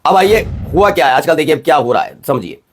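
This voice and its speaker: A man hosting a political news commentary, talking fast and rhetorically straight to his viewers. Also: a little high, lively intonation, slight background noise.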